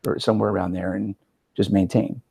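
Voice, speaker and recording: A man in his forties hosting a casual interview as a coach, talking in an energetic, conversational way with frequent "right?" asides. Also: lowish voice, fairly quick, creaky, husky. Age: 40s. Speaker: podcast host and metabolic coach.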